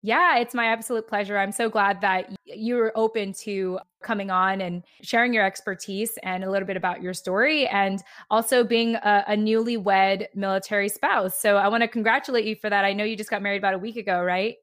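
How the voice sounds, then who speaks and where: A woman's voice: mid-range voice, fairly even intonation, brisk, few pauses, fairly bright tone, no room sound, studio quality. Upbeat, chatty woman host in her thirties, casual interview tone. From United States. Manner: upbeat, chatty, lots of restarts and "like". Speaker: podcast host.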